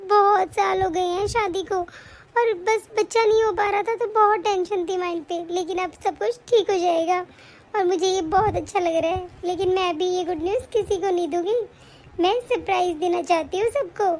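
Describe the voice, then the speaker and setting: A woman voicing a gentle young wife, very high. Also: fairly even intonation, moderate pace. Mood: hopeful. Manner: soft, earnest. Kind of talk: animated family drama voice acting.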